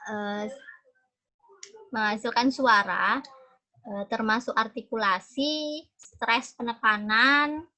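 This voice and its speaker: A woman's voice: fairly high pitch, bright, forceful tone, rough recording. A young woman lecturer with an Indonesian accent, moving between English and Indonesian as she explains terms patiently to her class. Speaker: university lecturer.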